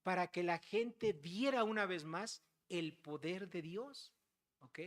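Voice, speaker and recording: A preacher with a Mexican accent delivers a sermon in a chatty, teaching tone, at a middle pitch. The preacher keeps checking in with the listeners and slips into short acted-out dialogues to make a point. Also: takes it slowly. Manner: conversational, keeps checking in with "¿verdad?"; acts out everyday dialogues to illustrate points.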